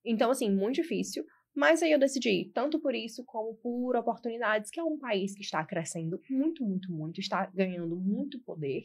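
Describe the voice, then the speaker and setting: A woman's voice: a little high, a little fast, few pauses, husky. Young Brazilian woman telling stories. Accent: Ceará Brazilian Portuguese. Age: 20s. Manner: animated storyteller, repeats words for emphasis. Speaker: guest. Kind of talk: casual podcast interview.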